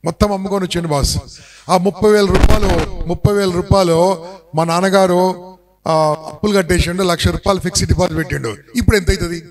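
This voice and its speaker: A middle-aged man addresses a live audience as a motivational speaker. His voice sits high, and he tells stories in an animated way, turning to the crowd with questions. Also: quick pace.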